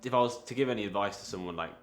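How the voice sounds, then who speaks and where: Young man with a very deep voice. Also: faint music behind. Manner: halting, many fillers and restarts. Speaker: creative interviewee. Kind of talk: casual reflective interview.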